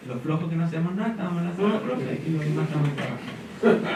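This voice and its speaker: A man's voice: on the high side, very fast. A middle-aged man telling a story to an audience and acting out the quoted lines. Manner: animated storyteller, acts out quotes. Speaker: speaker at an education panel. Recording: echoey hall from far off, faint noise.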